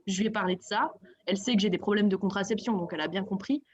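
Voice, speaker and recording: A young adult woman giving casual personal testimony in an online discussion, in a halting conversational way. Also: medium pitch, darkish tone, highs cut off, a little hiss or hum.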